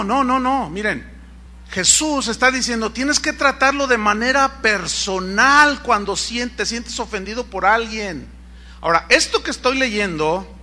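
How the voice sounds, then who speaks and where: A man's voice: high voice, bright, forceful tone. A middle-aged male pastor preaching a sermon in Spanish, emphatic and acting out members of his congregation in quoted voices.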